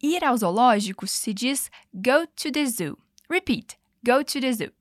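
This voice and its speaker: A woman's voice: on the high side, lively intonation, dry recording, clean studio sound. Woman hosting an upbeat language lesson. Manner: upbeat, playful, switches between Portuguese and slow English examples. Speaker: English teacher and podcast host.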